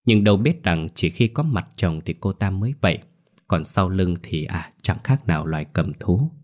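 Deep-voiced man narrating a horror story. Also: moderate pace. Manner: steady, grave.

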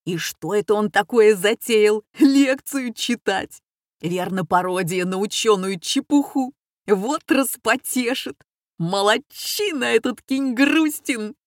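A woman voicing an excitable young male student who gushes in high, loud exclamations. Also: fairly quick, husky, no room sound, studio quality. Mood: gleeful.

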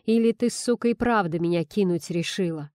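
A woman's voice: fairly low pitch, a little fast, darkish tone, no echo, studio quality, close to an everyday voice. A woman voicing a manipulative male crook urging a young woman to trust him. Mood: urgent persuading.

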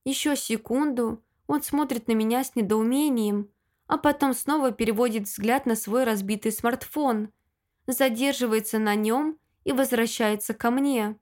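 Higher-voiced woman reading a dramatic audiobook. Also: moderate pace, a little mellow. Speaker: audiobook narrator. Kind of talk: first-person audiobook narration.

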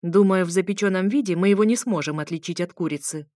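A woman voicing a sardonic adult man, the heroine's ex, who speaks in a dry, mocking, unhurried way. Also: on the low side, darkish tone, no room sound, close to an everyday voice.

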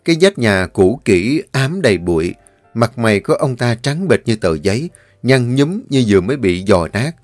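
A man narrating a story in a steady, vivid manner. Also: medium pitch, moderate pace, no room sound. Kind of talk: scripted audiobook narration. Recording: dry voice with faint music.

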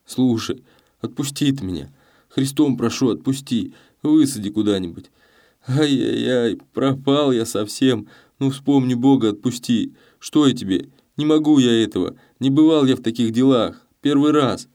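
A man's voice: mid-range voice, moderate pace, warm tone, pitched above the performer's own voice, close to an everyday voice. Man doing a terrified pleading peasant lad. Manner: whining, begging, sobbing pleas.

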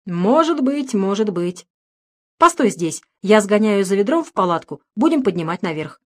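A man's voice: high voice, sing-song, normal speed. A woman reading an audiobook, voicing a skeptical, brusque man who mocks his friend. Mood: doubtful. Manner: loud, mocking.

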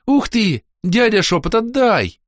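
A stubborn teenage girl goddess demands and insists in a high, bright, lively voice, as a male narrator puts her on. Her pitch bounces with every plea, and the read is dry and close. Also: moderate pace, dry recording, natural voice. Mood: demanding.

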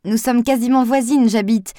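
A woman's voice: fairly high pitch, steady tone, normal speed, warm tone, dry recording, studio quality, pitched above the performer's own voice, close to an everyday voice. A woman voicing a young woman doctor who answers briefly and politely.

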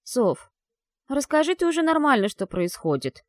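A woman voicing a calm, clever young lady who questions her friend in a composed, gently coaxing way. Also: high voice, moderate pace, no room sound, voice pushed up. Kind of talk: audiobook character voice.

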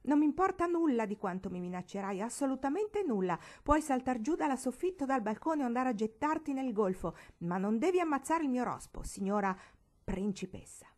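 A woman's voice: fairly low pitch, animated, moderate pace, hardly any pauses, dark tone. A woman voicing a proud, indignant young girl in a storybook reading, haughty and defiant.

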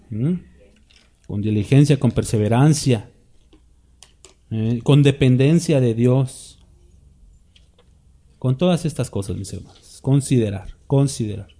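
Man, pastor, sermon, mellow dark tone, rhetorical questions. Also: mid-range voice. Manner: closes with a spoken prayer.

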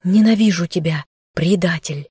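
A woman's voice: on the low side, moderate pace, breathy edge, no echo, clean studio sound. A woman voicing a fiery young captive maiden who defies her captor with raised, angry words. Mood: defiant. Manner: defiant, shouting.

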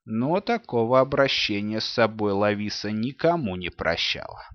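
A man narrating a storybook with expressive storytelling in a dull, dry recording. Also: on the low side, moderate pace, no room sound. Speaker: audiobook narrator. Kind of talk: scripted narration.

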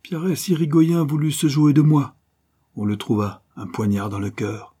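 A man's voice: fairly low pitch, monotone, normal speed, darkish tone, breathy edge. A man reading aloud and voicing a sneering, ruthless male bandit chief in a storybook adventure. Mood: exalted. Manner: sneering, boastful.

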